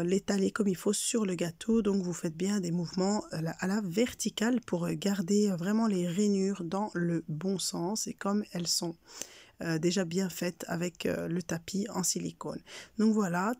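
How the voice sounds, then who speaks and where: Sounding stuffed up with a cold, this cake decorating channel host from Belgium talks through a relaxed cooking tutorial voice-over, friendly yet hesitant and full of fillers. Her voice sits lowish and mellow in a dry recording.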